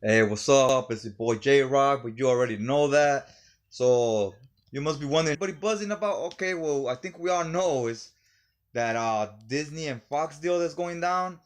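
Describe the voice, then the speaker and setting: A man's voice: mid-range voice, normal speed. A man hosting his own vlog, talking loosely and rambling in casual commentary while a little tipsy from drinking. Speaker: video host.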